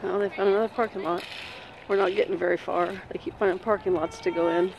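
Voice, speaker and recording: Heavy background noise surrounds a middle-aged family vlogger as she walks outdoors through the neighborhood, filming on a handheld phone. Her voice is low, gravelly, and fast with fairly even intonation, and she chats, laughs a lot, and calls to the kids.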